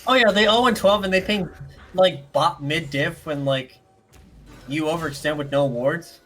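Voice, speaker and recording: A man casting a live esports match as play-by-play commentator, excitable and jokey with rambling asides. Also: a little high, moderate pace, soft background music. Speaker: esports caster.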